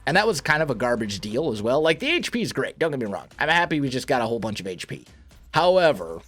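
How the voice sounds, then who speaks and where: A man with a sleepy morning voice offers casual commentary on a video game he's playing, thinking aloud and often correcting himself partway through sentences. He's a let's play host with a mid-range, sing-song, fairly bright voice and a fast delivery.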